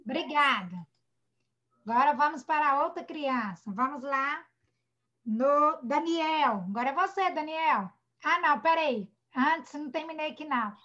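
A woman teacher with a Brazilian accent guides young children through an online class. Her voice is high and bright, and she is patient and tender as she sounds out words syllable by syllable. Everything comes through the dull, muffled audio of a video call. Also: animated, unhurried. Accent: Brazilian Portuguese. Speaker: primary school teacher. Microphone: computer or phone mic on a video call.

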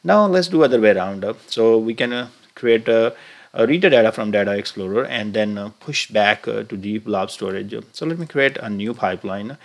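A man with giving a halting screen-recorded software tutorial, thinking aloud with many filler sounds as he clicks through steps. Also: fairly low pitch, lively intonation.

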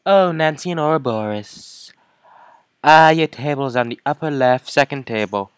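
A man's voice: mid-range voice, normal speed, clean tone, dry recording. Brief: male let's play commentator, playful, rambling, dry close sound. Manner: rambling, playful, mumbled asides. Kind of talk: game commentary.

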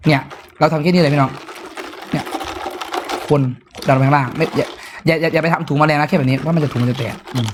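A man with a northeastern Thai Isan accent giving a loud, excitable live-stream sales pitch, breaking into sudden high squeals. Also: fast talker, pauses often, noisy background.

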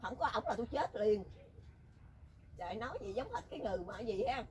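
A woman's voice: a little high, expressive, a little fast, a little hiss or hum. A woman telling a story in casual chat, teasing and talkative. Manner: chatty, teasing, rural colloquial speech.

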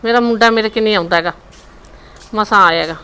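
An older woman playing a chatty Punjabi mother who nags her son. Her voice is bright and crisp, and she chatters on the phone and scolds him in a teasing way. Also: mid-range voice, fast talker, natural voice, low-quality recording. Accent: Indian Punjabi. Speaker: mother in a family drama. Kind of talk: village web drama acting.

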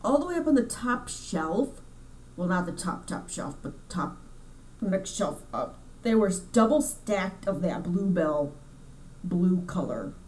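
A woman's voice: lowish voice, big pitch swings, slow pace, a little mellow, distant mic, a little hiss or hum, low-quality recording. A woman hosting her crochet channel in a chatty, rambling way, correcting herself as she goes, a bit congested from sinus trouble. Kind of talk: casual chat over store footage.

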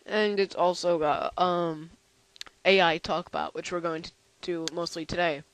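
A tired young man hosting a casual software demo, rambling and halting with lots of fillers. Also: sits high, fairly even intonation, a little hiss or hum, rough recording. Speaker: channel host.

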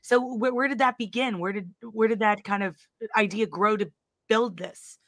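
A woman hosting a live podcast interview, hoarse, chatty and excited, with lots of fillers and restarts. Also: medium pitch, normal speed, dry recording, studio quality. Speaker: podcast host.

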